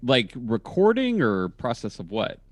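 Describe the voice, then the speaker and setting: A man chatting over a video call about his comedy work, jumping up in pitch whenever he quotes people in his stories. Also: a little slow, dry recording. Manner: animated storyteller with sudden pitch jumps when quoting people. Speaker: comedian and comedy label engineer. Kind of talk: casual video-call podcast chat. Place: home in a college town.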